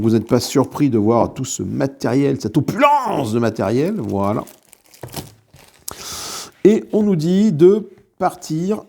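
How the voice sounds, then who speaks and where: A man's voice: medium pitch, vocal fry, warm tone. A man hosting his own board game channel, giving casual, chatty commentary on a solo playthrough with lots of hesitations and self-mocking asides. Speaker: board game video host.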